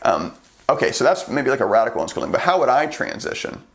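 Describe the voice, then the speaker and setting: A man giving casual, earnest advice to parents, with a voice of ordinary pitch. He talks in a loose, conversational way, often pausing on "um" and checking in with a quick "right?". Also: sing-song, vocal fry. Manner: earnest, conversational, frequent ums and rhetorical "right?". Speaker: unschooling advocate vlogger. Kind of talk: casual advice talk to camera.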